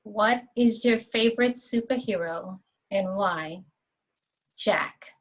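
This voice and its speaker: A woman acting as topics master at a club meeting, upbeat and quick to laugh. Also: medium pitch. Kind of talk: meeting host.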